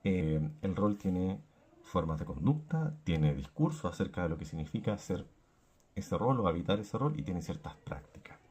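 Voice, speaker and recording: A man lectures on clinical psychology in a low, husky voice. His tone is mellow and dark, and he keeps breaking into everyday examples and small acted asides as he explains. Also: big pitch swings, normal speed.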